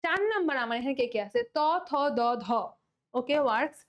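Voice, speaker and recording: Playful young woman teacher, high voice. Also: brisk. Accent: Bangladeshi Bengali. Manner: playful, pleading, mixes English words. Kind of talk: online exam-prep lesson.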